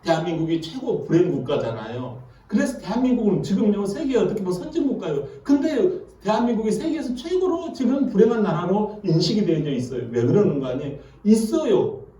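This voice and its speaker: A male pastor preaching a sermon, animated and asking the congregation questions. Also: high voice, fairly quick. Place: church sanctuary. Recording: echoey church from far off.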